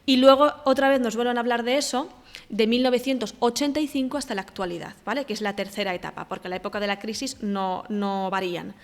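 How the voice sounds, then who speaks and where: A woman's voice: a little high, fairly even intonation, quick pace, long reverb tail. A woman with a Spanish accent from Spain, teaching and walking through exam answers, with filler sounds and frequent checks for understanding. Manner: explanatory, checks in with "¿vale?", hesitant fillers. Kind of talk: exam walkthrough lesson.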